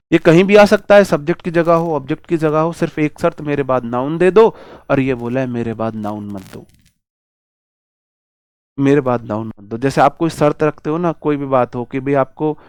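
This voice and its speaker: A man teaching English grammar to exam students, drawing out each example slowly and asking the class rhetorical questions. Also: medium pitch, darkish tone, no echo, studio quality.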